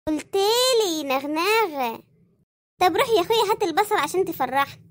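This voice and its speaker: Cartoon housewife played by a woman, Egyptian accent, very high, quick, nagging and theatrical. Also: lively intonation. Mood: wary. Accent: Egyptian Arabic. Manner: nagging, dramatic, lamenting. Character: chatty fretful Egyptian housewife, middle-aged. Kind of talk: comic cartoon voice acting.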